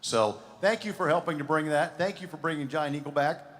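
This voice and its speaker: A man talks fast with a slightly raised pitch, firing off friendly questions in a live interview. He keeps an upbeat, chatty flow at a fairground ring. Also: a bit bright. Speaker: ring announcer interviewing a buyer.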